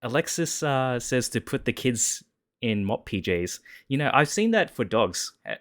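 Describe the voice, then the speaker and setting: A man's voice: mid-range voice, big pitch swings, normal speed, fairly bright tone. A man hosting a casual live stream chat, often repeating and restarting his words as he talks. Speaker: stream host.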